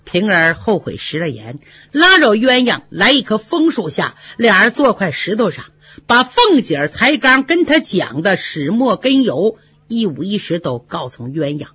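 A storyteller tells a classic novel in a lively, chatty manner, with pitch that rises and falls freely and asides thrown to the listeners. The voice is slightly husky and close, dry on a dull, lo-fi recording. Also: moderate pace, no room sound.

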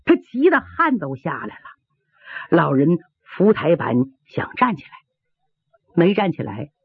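A woman's voice: on the low side, huge pitch swings, measured pace, slightly rough, dry recording. A woman telling a traditional martial arts story dramatically, with vocal sound effects and rhythmic listing, on a tinny old radio broadcast. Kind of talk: traditional Chinese pingshu storytelling.

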